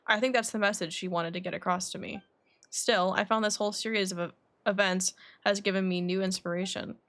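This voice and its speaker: A woman with a natural, slightly bright mid-range voice and fairly even intonation voices a young male alchemist from a video game. She reads his lines in a composed, scholarly, formal and reflective manner.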